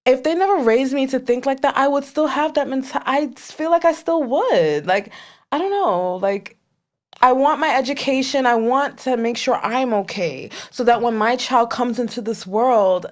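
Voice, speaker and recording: A woman's voice: high voice, normal speed. A woman in her thirties co-hosting a casual podcast chat, telling stories and acting out the voices she quotes. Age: 30s. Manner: animated storyteller, acts out quoted voices. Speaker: podcast co-host.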